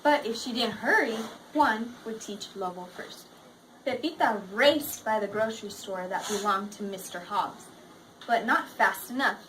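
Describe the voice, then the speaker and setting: In a recording of poor audio quality, a woman teaches, reading aloud with expression and questioning her pupils. Her voice is medium-pitched, a bit bright and a little slow, and faint classroom noise is audible.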